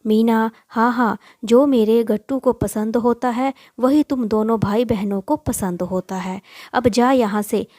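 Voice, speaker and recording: A woman voicing a harsh, sharp-tongued stepmother who scolds and shouts, in a storybook reading. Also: fairly high pitch, fairly even intonation, a little slow, few pauses, no echo, clean studio sound, lightly acted. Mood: scolding. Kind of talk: storybook voice acting.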